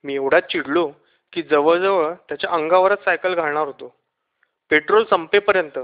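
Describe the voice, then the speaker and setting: Man reading a kids story out loud, lively, kinda muffled lo-fi sound. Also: high voice. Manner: lively first-person narration. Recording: dull lo-fi recording.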